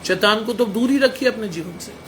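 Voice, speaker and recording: A man's voice: sits high, fairly quick, background noise. A man preaching a sermon, blunt and emphatic, firing rhetorical questions at his listeners. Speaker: pastor.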